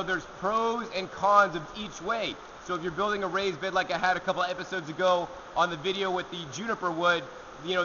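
A young man with a high-pitched voice hosts a gardening show from a rock alcove outdoors, answering viewer questions to camera. He's energetic and gestures with his hands as he talks. The recording is muffled, with a noisy background.

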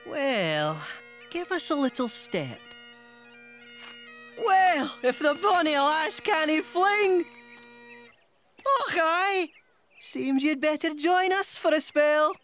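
A man voicing a hearty, encouraging young highlander in a cartoon, with a Scottish accent and the jovial manner of a laird. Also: animated, slow, long pauses, fairly bright tone, heavily acted. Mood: jovial, proud. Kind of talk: animated series voice acting. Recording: music behind the voice.

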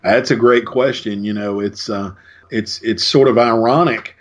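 A man speaking as an author and guest in an interview, explaining his points in a measured way with frequent restarts. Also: on the low side, steady tone. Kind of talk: conversational interview. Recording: dull lo-fi recording.

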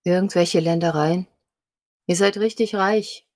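A woman's voice: on the low side, steady tone, measured pace, darkish tone. A woman playing a squire character in a tabletop role-play, speaking in a direct, challenging way. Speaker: player.

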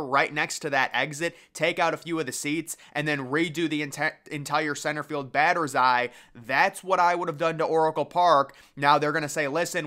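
A young man talks through ballpark designs in a casual, opinionated voice-over. His voice sits a little high and rings bright and clean. He thinks aloud, judging each design as he goes. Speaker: baseball stadium commentator.

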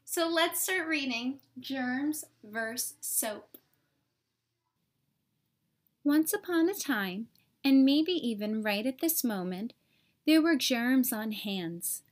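Reading a children's storybook out loud, a woman speaks at a fairly high pitch, taking her time and giving the words expressive, dramatic weight.

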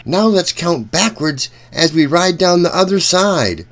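Speaking straight to young listeners, a man with a high voice reads from a storybook in a lively, deliberate manner.

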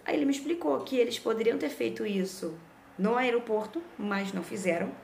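A woman's voice: fairly high pitch, a little fast, creaky, echoey room, slight background noise. Chatty Brazilian mother telling a story. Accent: Brazilian Portuguese. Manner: chatty, lively, frequent "né?" tag questions. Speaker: vlogger. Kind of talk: casual storytelling vlog.

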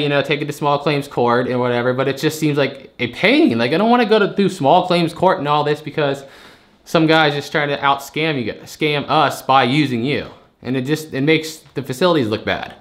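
A storage unit buyer, a man, argues his case in a heated phone call, frustrated and rambling as he keeps repeating himself to push his point. His voice sits at medium pitch with a fairly bright tone, and he talks a little fast.

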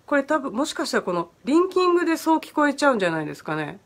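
Chatty woman host, bright high voice. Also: sing-song, rapid-fire. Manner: friendly and chatty, many fillers, answers questions on English pronunciation. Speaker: host of an online virtual bar stream. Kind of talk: casual livestream chat, reading viewer comments aloud.

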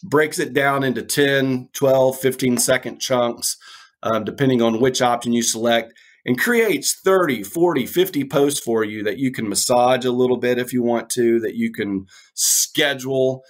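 A middle-aged man hosting a podcast, introducing his guest in a rambling, halting way with many restarts. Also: mid-range voice. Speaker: podcast host. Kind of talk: casual interview intro.

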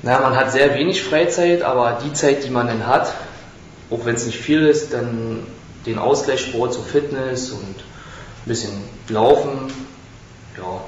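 A man in his twenties giving a halting, rehearsed self-introduction at a casting interview, in a small room on a handheld mic. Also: medium pitch. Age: 20s. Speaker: model contestant. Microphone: handheld mic held by interviewer. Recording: echoey room, slightly dull, faint hiss.

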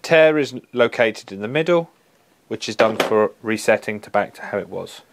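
An HVAC engineer reviews trade tools in a practical, plain-spoken product review presentation, recorded on a lapel mic in an office. His voice is fairly low, animated and creaky, at normal speed, with background noise.

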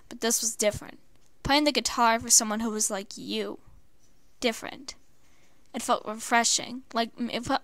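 A woman reading fan fiction aloud, halting with many stumbles and restarts. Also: on the high side, fairly bright tone, clean tone, no echo. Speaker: storyteller.

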